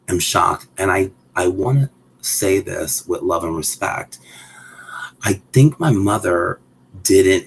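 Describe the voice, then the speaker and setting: A man vlogging casually at home, rambling and excitable, often breaking off mid-thought. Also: low voice, vocal fry, a little hiss or hum, rough recording. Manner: rambling, excitable, self-interrupting. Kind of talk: casual chat while handling a doll.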